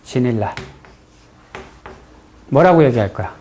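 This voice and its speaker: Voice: mid-range voice, lively intonation, unhurried, a little mellow, a little hiss or hum. A fortune-telling teacher with a Chungcheong Korean accent gives a lecture to a class. The delivery is blunt and folksy, and the speaker keeps stopping to ask the students whether they follow. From Chungcheong region, Korea. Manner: blunt and folksy, with frequent rhetorical check-in questions.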